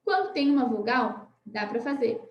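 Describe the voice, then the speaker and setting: A Brazilian teacher with a high, light voice talks young pupils through a lesson, slowing right down to spell out each word. She keeps checking in with a gentle "né?", and the room around her rings with echo. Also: expressive, highs cut off, a little hiss or hum. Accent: Brazilian Portuguese. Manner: patient, spells words out slowly, often asks "né?". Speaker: primary school teacher. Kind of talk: recorded online class for children.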